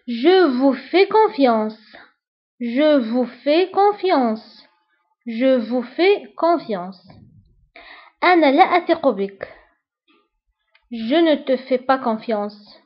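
A woman giving a language lesson, explaining briefly and then repeating each phrase with careful, deliberate enunciation. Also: high voice. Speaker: French teacher. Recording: dull lo-fi recording.

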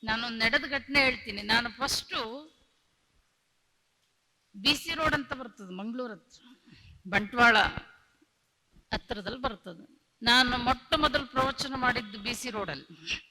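High bright-voiced woman preacher. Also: unhurried, pauses often, big-room sound. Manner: rhythmic, repeats lines for emphasis; tells stories, acting out quoted voices. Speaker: spiritual preacher. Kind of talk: religious discourse.

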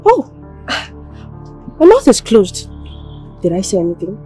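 A woman's voice: medium pitch, huge pitch swings, measured pace, dark tone, faint music behind. An actress with a Nigerian accent playing a schoolgirl who taunts and threatens a rival in a mocking way. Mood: taunting.

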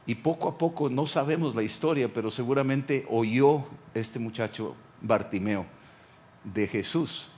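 A man with a Mexican accent, a pastor preaching a sermon, repeating phrases and dropping to quiet lines. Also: medium pitch, measured pace.

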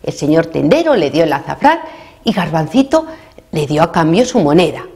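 A woman with a Spain Spanish accent reading a children's story aloud, animated and speaking straight to young listeners. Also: low-pitched, moderate pace.

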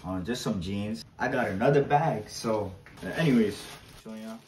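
A man's voice: on the low side, normal speed, a little mellow. Young man, casual vlog host; reverberant room sound, light background hiss. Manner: chatty, slangy, repeats himself, pleads for likes. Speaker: vlogger. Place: small bright indoor room. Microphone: fixed camera a few steps away. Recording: roomy, distant camera sound.

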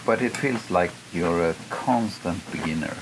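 Very low gravelly Swedish man, hesitant. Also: normal speed, noisy background. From Sweden. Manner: hesitant, many fillers. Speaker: sailing vlogger. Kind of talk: casual chat over dinner. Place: small boat cabin, indoors.

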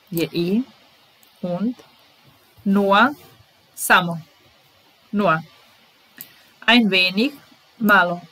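Slow, careful woman teaching German words. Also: medium pitch, fairly bright tone, low-quality recording. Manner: reads each German example, translates it, then repeats it. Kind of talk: slow bilingual vocabulary lesson.

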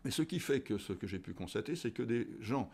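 A man in his sixties, a history teacher as a guest, answering at a measured pace with frequent fillers and restarts, recorded on a desk studio microphone in an office. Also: medium pitch, animated, darkish tone. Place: indoor office with tall window.

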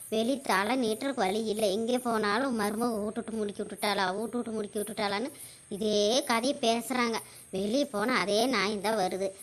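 A woman's voice: fairly high pitch, lightly acted. A woman playing a lamenting lonely mother. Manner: lamenting, tender toward her son. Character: lonely aging mother living apart, grieving. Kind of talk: village family drama acting.

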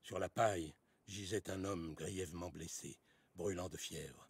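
A man giving measured, scripted narration for a fantasy video game. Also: sits low, fairly even intonation, slightly rough, exaggerated voice. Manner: measured, storybook telling.

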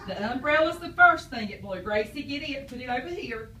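An adult preschool teacher with a high, lively, sharp voice speaks a little fast, quizzing and praising young children after reading aloud. She's recorded from far off in an echoey classroom with slight background noise.

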